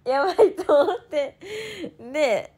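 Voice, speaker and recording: A woman's voice: high voice, expressive, warm tone. A young woman in her twenties telling a story in casual chat, acting out other people's lines and laughing often. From Toyama, Japan. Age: 20s. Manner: fast bursts of quoted speech. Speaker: idol turned streamer.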